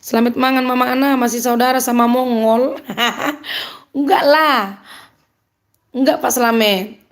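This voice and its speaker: A woman with a Medan accent and a slightly high voice hosts a live stream. She reads viewer comments aloud and answers them in an upbeat, chatty way, laughing often. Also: fairly even intonation, unhurried. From Medan, North Sumatra.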